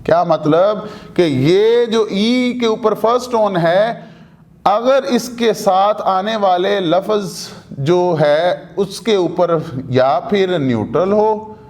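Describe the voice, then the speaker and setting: A male teacher explains language rules in a high, unhurried voice. He poses a question to his class, then answers it himself, repeating each example word slowly and mixing in English terms. His first language is Urdu. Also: expressive, darkish tone.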